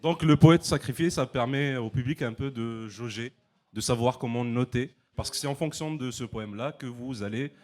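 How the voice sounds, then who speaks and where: A man hosting a live slam poetry night, calmly explaining how the jury scores. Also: mid-range voice, moderate pace. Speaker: slam event host. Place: live slam venue with audience.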